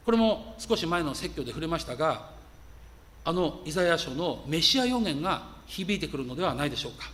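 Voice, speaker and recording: A man's voice: fairly high pitch, very animated, brisk, fairly bright tone, big-room sound. A man preaching a sermon as pastor, emphatic and reading scripture aloud.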